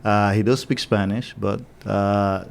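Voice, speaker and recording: Lowish voiced guy hosting, encouraging, keeps saying he loves it. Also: steady tone, measured pace, creaky. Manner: encouraging, affirming, enthusiastic. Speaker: interview host. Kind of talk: interview conversation.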